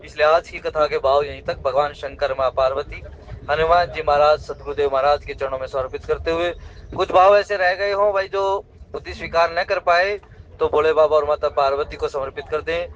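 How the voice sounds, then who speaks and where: High-voiced man giving a devotional discourse. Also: steady tone, fairly bright tone, a little hiss or hum. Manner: earnest, explanatory, chants verses slowly. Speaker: religious storyteller. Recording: slightly dull lo-fi recording.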